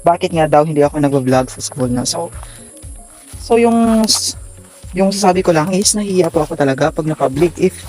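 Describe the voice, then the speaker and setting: A young man casually touring his bean garden outdoors for a vlog, speaking haltingly with many fillers and stumbling over his words, as if filmed on a phone. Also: fairly high pitch, warm tone, faint music behind, low-quality recording. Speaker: farming vlogger.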